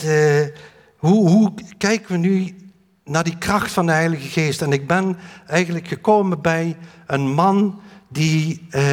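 Male preacher, high pitch, earnest and halting sermon delivery, long church-hall reverb. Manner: earnest, halting with many fillers and restarts.

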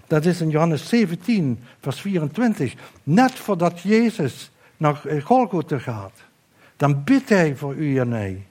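Earnest Dutch preacher, slightly high voice. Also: male voice, a little mellow. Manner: earnest, slows and lifts his voice for emphasis; reads scripture aloud. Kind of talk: sermon.

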